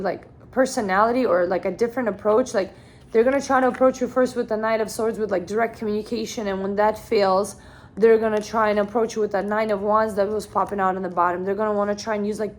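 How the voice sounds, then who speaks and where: A young woman doing a channeled tarot reading in a casual, blunt way, full of "like" fillers and swearing. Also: mid-range voice. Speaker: tarot reader.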